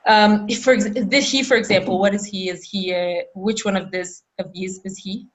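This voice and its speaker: A woman teaching a Hebrew lesson over a video call, patient and encouraging, repeating phrases slowly for her students. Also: medium pitch, steady tone. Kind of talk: online language lesson.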